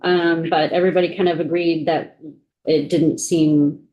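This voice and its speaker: A woman serving as legal counsel at a committee hearing, going through a bill section by section in a halting way, thinking aloud. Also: sits low, little pitch movement, mellow, dull audio. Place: legislative committee room.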